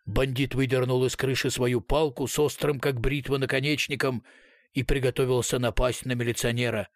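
A man narrating an audiobook in a measured, steady reading style. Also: medium pitch, dry recording, studio quality. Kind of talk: scripted narration.

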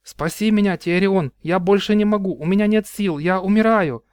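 A man's voice: high-pitched, moderate pace, smooth, no room sound, pitched above the performer's own voice, lightly acted. A man voicing a terrified drowning brother who keeps crying out that he can't go on and is dying. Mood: panicked. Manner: panicked, pleading, breathless cries.

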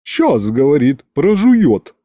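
A man's voice: on the high side, big pitch swings, slow, mellow, no echo, studio quality, full character voice. A man doing a grumpy snappish butler. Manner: snappish and grumbling, raised voice.

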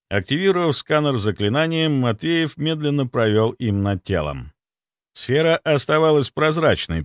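Male audiobook narrator, tense and wry, very expressive pitch, dry close recording. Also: no room sound. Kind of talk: first-person audiobook narration.

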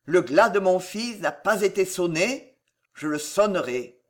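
A woman's voice: lowish voice, animated, unhurried. Woman doing a hollow-voiced aged astrologer. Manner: toneless, hollow murmur. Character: aged male astrologer, pale and horror-struck.

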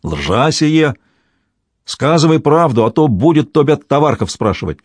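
A man's voice: a little high, big pitch swings, a little slow, no echo, voice pushed up. A man reading aloud, voicing an aging grand prince who speaks in archaic courtly words and turns from tender to furious. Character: aging grand prince, stern, quick to rage.

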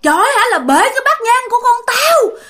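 A woman's voice: extremely high pitch, big pitch swings, a little fast, pushed and bright, voice pushed up, exaggerated voice. A woman voicing the furious ghost of an old woman in her fifties or sixties, who shrieks accusations in a ghost story. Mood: shrieking rage. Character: furious old female ghost, wild-haired mother.

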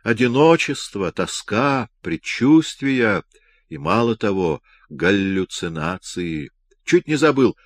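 A man voicing an exuberant young male scientist who teases and talks loudly in an audiobook reading. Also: on the low side, sing-song, takes it slowly, dry recording, exaggerated voice. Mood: mocking. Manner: giddy, teasing, loud.

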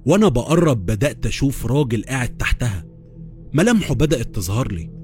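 A man with an Egyptian accent narrating a first-person horror story in a steady voice. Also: medium pitch, fast, faint music behind.

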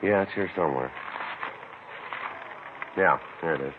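An actor playing a male police detective who narrates in a clipped, flat, matter-of-fact way. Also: sits low, a little slow, background noise. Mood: terse. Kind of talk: 1950s radio police drama narration. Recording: tinny old radio broadcast with faint music.

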